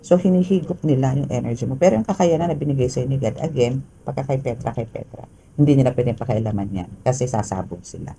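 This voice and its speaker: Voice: mid-range voice, quick pace, vocal fry, dark tone, slight background noise, low-quality recording. A tarot reader with a Filipino accent gives a casual spoken reading, chatty and full of tag questions and fillers.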